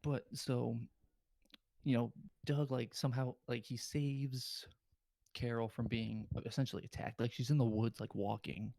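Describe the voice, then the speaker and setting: A man's voice: medium pitch, little pitch movement, unhurried, gravelly, mellow, no room sound. A man hosting a podcast, rambling through a casual movie recap with loads of filler words. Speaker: podcast host.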